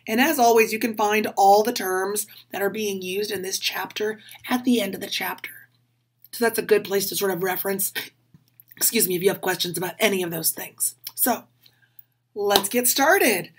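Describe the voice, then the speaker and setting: A woman professor lecturing with a hoarse, husky voice. She keeps an upbeat, clear teaching tone as she lays out the day's material. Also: medium pitch. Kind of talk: recorded lecture.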